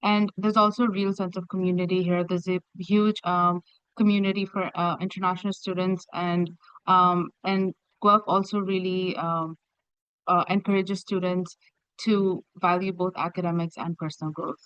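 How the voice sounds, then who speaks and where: A woman in her twenties from Kenya, a student on a panel who speaks in an earnest, measured way. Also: fairly low pitch, little pitch movement, a bit bright, smooth, no echo. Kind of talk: panel answers. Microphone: video call. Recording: dry, dull lo-fi sound.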